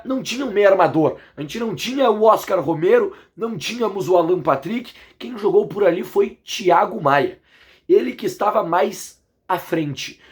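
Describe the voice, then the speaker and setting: A football vlog commentator with a Brazilian accent delivers an indignant, emphatic analysis. His voice is hoarse and sits high.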